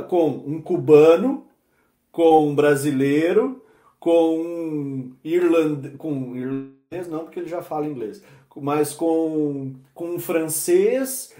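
A man's voice: fairly high pitch, dark tone. A man with a Brazilian accent who teaches English, giving a casual, slangy motivational lesson and checking in with constant tag questions. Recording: roomy echo.

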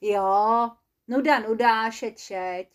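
A woman voicing a bossy, excitable male creature leader, pushy and theatrical. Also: fairly high pitch, clear, resonant tone, close to an everyday voice. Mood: offhand.

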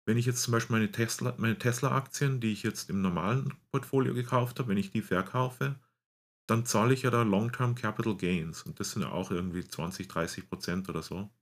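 A man's voice: fairly low pitch, fairly quick. A middle-aged man with a Bavarian German accent tinged with American, explaining things casually, often searching for words and slipping into English. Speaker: guest explaining US retirement investing.

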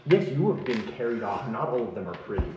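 A man's voice: medium pitch, big pitch swings, fast, a little mellow, very echoey, distant mic, highs cut off, a little hiss or hum. A man narrating a tabletop game as game master in a casual, rambling way. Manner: casual, rambling, laughs often.

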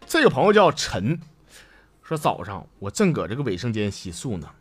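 A man's voice: medium pitch, wildly swooping pitch, moderate pace. A man with a Northeastern Mandarin accent hosting a comic storytelling show, chatty and laughing at his own jokes. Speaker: host. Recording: music bed behind the voice.

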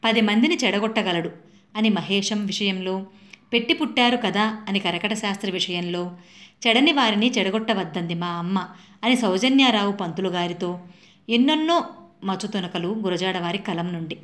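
A woman's voice: mid-range voice, normal speed, fairly bright tone. Woman reading a literary review. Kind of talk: reading a book and film review.

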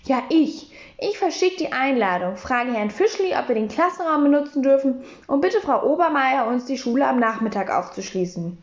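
A woman doing a forgetful, bossy young schoolgirl in a storybook, speaking high and matter-of-fact. The recording is roomy and somewhat muffled. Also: lively intonation, moderate pace, hardly any pauses. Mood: self-assured.

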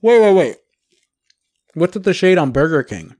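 A man co-hosting a casual podcast chat with animated, teasing banter. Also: sits high, moderate pace. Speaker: podcast co-host.

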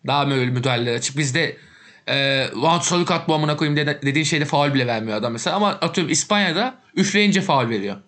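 Young man, rapid talker, brushes off points, casual football chat. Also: a little high, lively intonation, fairly bright tone. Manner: quick, dismissive, argumentative.

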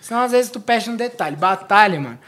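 A man who talks fast in loose, slangy street speech. He breaks down rap battles like a working MC and acts out rhymes now and then. Relaxed podcast chat. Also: high-pitched.

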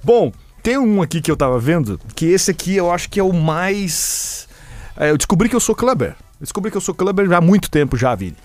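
A man's voice: sits high, a little fast, dry recording, soft background music. A man from southern Brazil with a gaúcho accent, co-hosting a casual podcast chat and playfully acting out quotes. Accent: Gaúcho Brazilian Portuguese. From Rio Grande do Sul, Brazil. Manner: animated, playful, acts out quotes. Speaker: podcast co-host.

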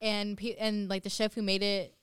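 Young woman, casual, chatty, filler-heavy, clear voice. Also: medium pitch, little pitch movement, normal speed, dry recording, studio quality. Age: young adult. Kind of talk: casual group chat.

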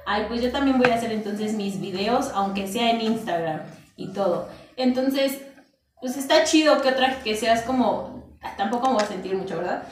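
A woman's voice: a little high, recorded from a distance, a little hiss or hum. Chatty Mexican woman in an echoey room. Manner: chatty, many fillers like "o sea". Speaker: guest youtuber. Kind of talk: casual podcast chat.

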